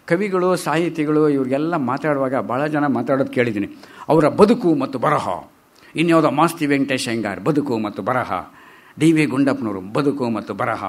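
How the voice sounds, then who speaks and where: A man giving a lively storytelling lecture on poetry and humor in a lecture hall, asking the audience questions. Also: medium pitch. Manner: chatty and animated, asks the audience questions. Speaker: speaker at a literary talk.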